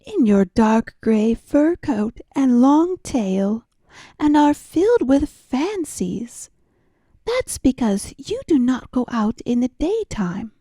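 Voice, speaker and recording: A woman's voice: sits high, big pitch swings, slow pace, dark tone, no room sound, full character voice. A woman voicing a sly, greedy female cat in a storybook, with a smug, coaxing manner. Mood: dismissive.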